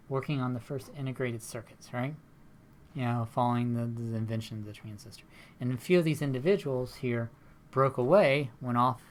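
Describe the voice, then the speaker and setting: A man's voice: medium pitch, slight background noise. A man giving a recorded university lecture in a rambling, conversational way, often checking in with tag questions.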